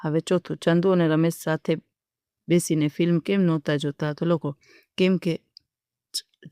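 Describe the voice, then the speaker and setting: Steady, flat-voiced teacher dictating answers. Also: mid-range voice, clean tone, dry recording, studio quality.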